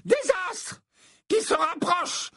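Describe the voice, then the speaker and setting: Reader doing Trelawney, a shrill stammering old seer. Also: animated, slow, bright, forceful tone, no room sound, studio quality, full character voice. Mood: portentous. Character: old female seer, theatrical and flustered.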